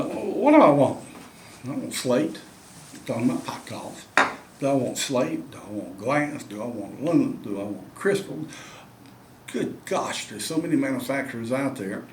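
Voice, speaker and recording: A man's voice: medium pitch, darkish tone, echoey room, slight background noise. A man giving a folksy, drawling tutorial on caring for turkey pot calls and calling y'all to the viewers. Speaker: turkey call maker and instructor. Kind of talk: demonstration tutorial.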